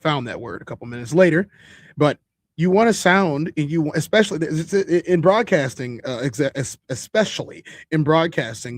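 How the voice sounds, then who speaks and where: A man hosts a casual podcast, his voice pitched high for a man. He talks loosely to his viewers and thinks aloud with restarts. The sound is dry and close. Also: no echo. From Chicago. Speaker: podcast host.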